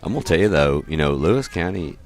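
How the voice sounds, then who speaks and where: Very deep-voiced Southern color commentator. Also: male voice, animated, fast talker. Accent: Tennessee. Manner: easygoing, reflective analysis. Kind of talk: local radio sports commentary.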